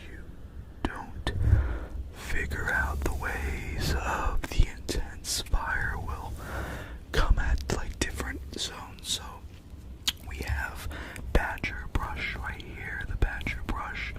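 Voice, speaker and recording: A man speaking in a breathy, unvoiced ASMR whisper, rambling through semi-intelligible storytelling. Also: slow pace, poor audio. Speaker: ASMR video creator.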